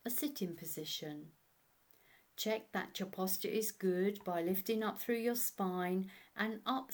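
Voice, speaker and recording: Slow-paced woman guiding a meditation. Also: mid-range voice. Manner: slow, measured, instructional delivery. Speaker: meditation guide. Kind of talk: guided meditation narration.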